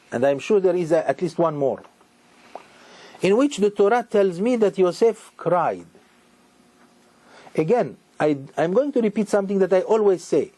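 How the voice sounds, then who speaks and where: Man, rabbi, sermon, high-ish voice, warm mellow timbre, emphatic, repeats himself. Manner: animated, emphatic repetition.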